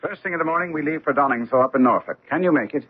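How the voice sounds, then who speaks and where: An actor playing Sherlock Holmes as a brisk, dryly amused gentleman detective in a radio mystery, with precise, formal phrasing. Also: on the high side, husky. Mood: brisk, keen. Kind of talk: radio mystery drama acting. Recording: muffled, narrowband old radio recording.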